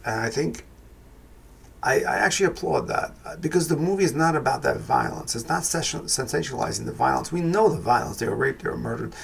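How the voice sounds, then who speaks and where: Reviewing a film on his podcast, a New Yorker thinks aloud in a thoughtful, rambling way, restarting often and leaning on fillers. His creaky voice is medium-pitched, animated and a little fast, with slight background noise.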